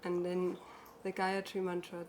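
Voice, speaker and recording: A woman's voice: lowish voice, monotone, measured pace, darkish tone, slight background noise. A female musician guest speaking reflectively in a casual interview, often adding "you know".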